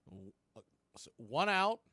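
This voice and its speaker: This radio play-by-play man, whose voice is a little high for a male, follows a baseball game pitch by pitch, brisk and chatty as he stays on the count. His tone is sharp with big pitch swings, and the sound is dry and close with no room around it.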